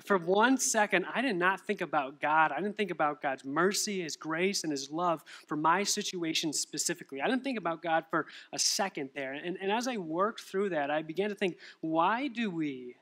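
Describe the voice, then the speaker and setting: A young man preaches a sermon, his voice bright and forceful, sitting a little higher than most men's. He tells stories and throws rhetorical questions at the congregation with lively energy. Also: moderate pace, few pauses. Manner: animated storytelling with rhetorical questions. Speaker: pastor.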